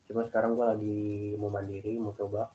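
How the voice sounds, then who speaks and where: A young man chatting casually with classmates, rambling and animated as he tells about his family. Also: fairly low pitch, brisk, a little hiss or hum. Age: young adult. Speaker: student in group discussion. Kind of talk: casual chat. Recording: echoey, phone-like call audio.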